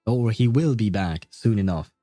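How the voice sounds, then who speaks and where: A man's voice: lowish voice, animated, normal speed, mellow, no room sound, studio quality, soft background music. A man livestreaming a video game, chatting casually and in a friendly, rambling way as he comments and reads dialogue aloud. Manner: chuckles often, rambling and friendly.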